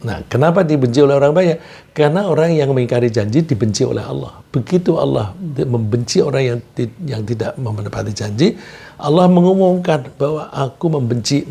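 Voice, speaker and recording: A man giving a calm, measured religious sermon, often using "ya" and "nah" as he explains. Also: mid-range voice, vocal fry, husky. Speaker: preacher.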